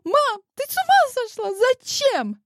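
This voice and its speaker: A woman reading an audiobook voices an upset teenage girl, shrill and crying. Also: huge pitch swings, a little slow, a bit bright, no echo, clean studio sound, heavily acted. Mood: distraught. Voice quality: shrill, squealing. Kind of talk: audiobook character voice.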